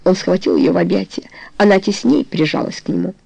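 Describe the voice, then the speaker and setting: A woman narrating a romantic story in a measured, unhurried way. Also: fairly low pitch, creaky, dark tone, breathy edge, no room sound, poor audio. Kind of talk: audiobook narration.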